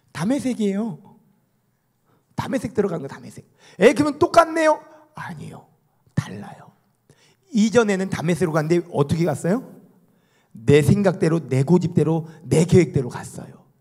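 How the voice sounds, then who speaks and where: A middle-aged man, a pastor preaching a sermon in a church, animated and often calling out hallelujah. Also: a little high, breathy edge. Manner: animated, calls for amens and hallelujahs. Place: church sanctuary.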